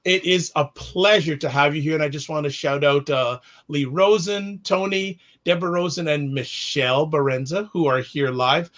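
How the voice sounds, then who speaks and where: Male talk show host from Canada, slightly high voice, formal intro then loose live chat. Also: normal speed, few pauses, fairly bright tone.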